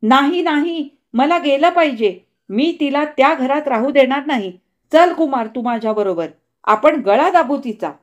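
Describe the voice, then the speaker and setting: A woman's voice: sits high, lively intonation, measured pace, voice pushed up. A woman voicing a hysterical young woman who shrieks and sobs in frantic rage, in a storybook reading. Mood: frantic, shrieking.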